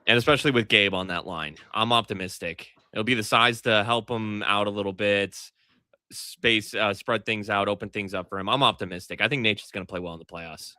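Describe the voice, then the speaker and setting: A man's voice: fairly low pitch, a little fast, pushed and bright, no room sound. A man co-hosting a casual hockey analysis chat, talking through his opinions in an informal way. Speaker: sports show co-host. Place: hockey arena after a game. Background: arena ambient noise.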